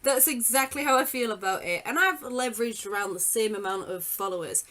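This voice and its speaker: Bright-voiced woman host, informal and self-deprecating. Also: fairly high pitch, a little fast. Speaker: podcast host. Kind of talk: casual chat.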